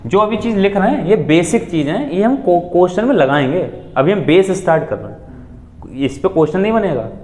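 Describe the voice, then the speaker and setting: A man's voice: high voice, expressive, brisk, a little mellow, reverberant. A man teaching a maths class, questioning his students and calling them "beta" as he works through the steps.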